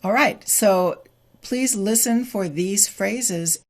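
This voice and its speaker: A woman teaching English pronunciation, explaining sound changes step by step and repeating example phrases slowly. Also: mid-range voice. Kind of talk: slow, deliberate teaching explanation.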